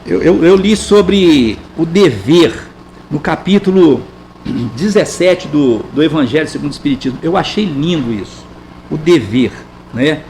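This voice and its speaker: Brazilian guy giving a talk at a spiritist center, high voice, asks the crowd questions a lot. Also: expressive, unhurried, darkish tone, a little hiss or hum, low-quality recording. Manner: conversational, rhetorical questions, frequent tag questions. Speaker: spiritist lecturer.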